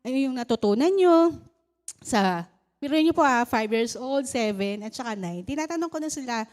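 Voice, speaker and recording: A woman's voice: sits high, animated, normal speed, darkish tone. A Filipino woman in her thirties giving a church testimony, telling her story with laughs and rising to cries of praise. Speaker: church speaker. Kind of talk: testimony sermon.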